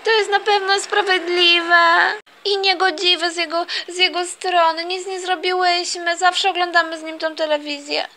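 A woman voicing a tearful little daughter who complains in a whiny, slow voice. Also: very high-pitched, flat delivery, bright, forceful tone, a little hiss or hum, heavily acted. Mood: complaining. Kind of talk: toy play-acting.

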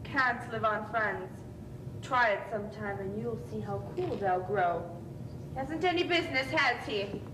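A woman's voice: mid-range voice, measured pace, roomy sound, natural voice. Wealthy, domineering old aunt, played by a woman in a stage drama, imperious tycoon manner, distant and noisy recording. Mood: scolding. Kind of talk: amateur stage play acting. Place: theatre stage, indoors. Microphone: far camera.

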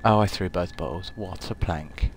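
A young man with a British accent and a fairly low voice talks through a horror game as he streams it. He swears freely and keeps slipping into a nervous half-whisper while he sneaks. A faint noise hums behind him. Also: normal speed. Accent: British English. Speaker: live-stream gamer. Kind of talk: live game commentary.

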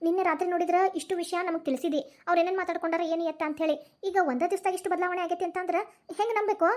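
A woman's voice: very high-pitched, steady tone, rapid-fire. A woman voicing a grieving old mother-in-law in a cartoon, plaintive, in a Dharwad Kannada accent. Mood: doubtful. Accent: North Karnataka Dharwad Kannada. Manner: lamenting, plaintive dialect storytelling. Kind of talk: cartoon voice acting.

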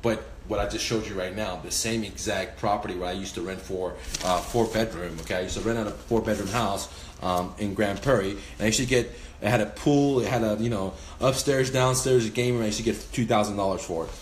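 A man's voice: fairly low pitch, a little fast, few pauses, roomy sound, a little hiss or hum. A man in his forties, a real estate investor, giving a casual, profane, emphatic talk to the camera while gesturing with his hands. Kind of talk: casual instructional vlog. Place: indoors, small room by a window.

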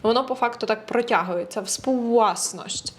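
Woman, language teacher for a video lesson; friendly, over-enunciates tricky words slowly, mid pitch. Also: a little hiss or hum. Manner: slow, careful over-enunciation of hard words; chatty and encouraging with viewers.

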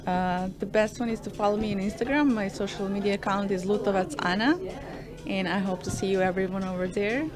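A woman's voice: mid-range voice, fairly even intonation, brisk. Young woman. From Serbia. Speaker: model interviewee. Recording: noisy crowd chatter behind.

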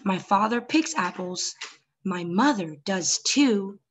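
A young woman reads a picture book aloud to small children as a story time host, speaking to them directly. Her voice is medium-pitched and slow with a breathy edge, and her delivery is expressive.

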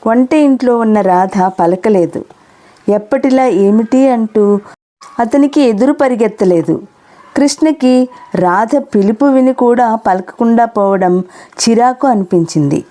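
Mellow-voiced woman reading a novel aloud. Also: medium pitch. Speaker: audiobook narrator.

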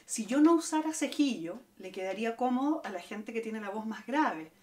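A woman's voice: a little high, animated, moderate pace, darkish tone. A woman teaching a guitar lesson, explaining step by step and counting out the strums. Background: acoustic guitar playing.

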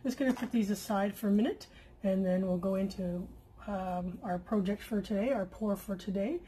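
Working at her craft table at home, a woman from Canada chats through a casual acrylic pouring tutorial for her channel, relaxed and full of asides and fillers. She speaks at medium pitch and normal speed, feels her voice is going, and there's slight background noise.

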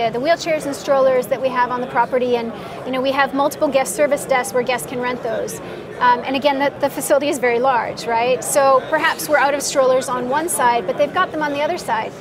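A middle-aged woman with a fairly high voice explains her work in a measured, steady way, pausing on ums between points. She sits in a trade show booth, and the busy hall's crowd chatter carries behind her. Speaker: mall IT director, guest. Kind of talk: conversational interview.

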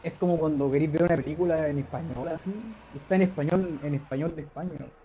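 A young man from Chile with a Chilean Spanish accent, chatting casually on a live game stream, swearing often and shouting greetings to viewers. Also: a little high, steady tone, quick pace. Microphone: desktop microphone. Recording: dull lo-fi stream audio with faint noise.

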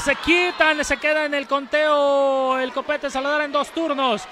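High-voiced man, shouted wrestling commentary, crowd. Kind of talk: live lucha libre commentary. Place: large packed indoor arena, ringside. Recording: loud arena crowd behind the voice. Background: cheering crowd.

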